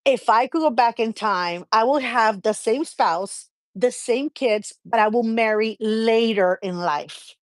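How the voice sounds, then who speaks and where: A middle-aged woman with a fairly high voice talks in a loose, chatty way. She tells things in an animated, conversational manner as a show co-host. The sound is dry, with very little room to it. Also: unhurried, hardly any pauses, no echo. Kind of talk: casual chat.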